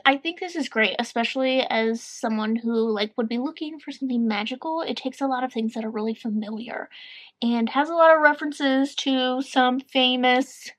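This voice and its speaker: Upbeat female book vlogger, high voice, rambling casual chat. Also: moderate pace. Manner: chatty and upbeat, rambling with fillers.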